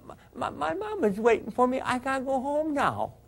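A man's voice: very high-pitched, sing-song, normal speed, vocal fry, voice pushed up, exaggerated voice. A man voicing a badly injured young woman who pleads to go home in a little girl's voice. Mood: pleading. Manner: begging, childlike.

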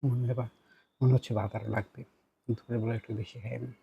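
Husky Bangladeshi man chatting through a mukbang. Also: medium pitch, flat delivery, fast talker, highs cut off. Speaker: food vlogger eating on camera. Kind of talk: casual mukbang eating show, chatting to viewers while eating.

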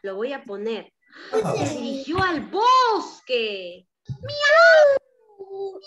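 A woman teacher tells a story to young children with lots of exclamations and questions. Her voice is very high and lively, and she goes slowly. The recording sounds dull and lo-fi. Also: very noisy. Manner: animated and exclamatory, quizzing the children.

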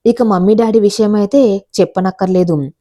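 A woman narrating a first-person audio story in a steady, measured way. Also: mid-range voice.

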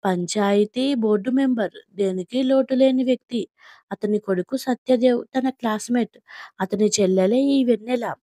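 A woman storyteller narrating a story with a steady, measured reading. Her voice sits a little high and sounds mellow. The recording is dry and close. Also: no room sound.

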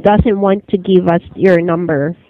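A woman's voice: lowish voice, steady tone, measured pace. Woman agent on a dull phone line. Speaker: directory call agent. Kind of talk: customer service phone call. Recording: slightly dull telephone line.

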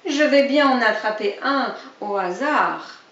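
A woman's voice: a little high, lively intonation, slow, a bit bright, exaggerated voice. A woman voicing a hungry, greedy male fox in a storybook reading, sly and growling. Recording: dull, roomy, distant recording.

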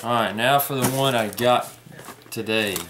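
A young man casually unboxing fishing tackle at a table indoors, unhurried, naming each item as he opens it. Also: medium pitch, heavy background noise. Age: young adult. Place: indoor room at a table with plants. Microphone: camera in front at table distance.

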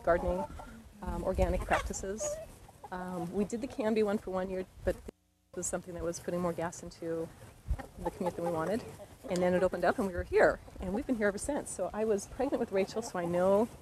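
A woman's voice: fairly low pitch, animated, a little fast, bright, forceful tone, a little hiss or hum. Chatty woman in an outdoor interview. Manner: chatty, many ums. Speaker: farm customer. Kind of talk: casual interview answers. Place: outdoors in a garden.

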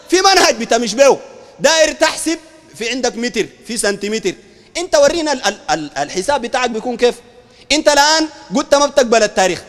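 Sudanese male preacher in a combative debate, strikingly high voice, long hall reverb. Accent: Sudanese Arabic. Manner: combative, fires rhetorical questions, shouts at times. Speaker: Islamic preacher. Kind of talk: heated public debate.

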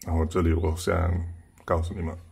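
A man giving a casual language lesson, slowly repeating each phrase before explaining what it means. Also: deep voice, little pitch movement, darkish tone. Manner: slowly repeats phrases, then translates them. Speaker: Spanish teacher. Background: song playing clearly.

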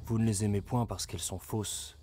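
A man's voice: lowish voice, fairly even intonation, normal speed, lightly acted. Man voicing a raging, blustering medieval lord. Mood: persuasive. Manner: loud, coarse and vehement. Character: brawny furious medieval male lord, blustering.

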